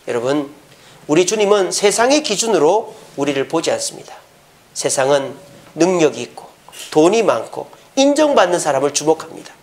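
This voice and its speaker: A man preaching a sermon as pastor, humorous and animated, asking the congregation rhetorical questions and chuckling between points. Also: sits high.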